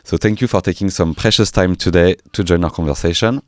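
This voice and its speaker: A man's voice: sits low, fairly quick, no echo. A man with a French accent hosting a casual radio interview in a studio, playful and chatty. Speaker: radio host.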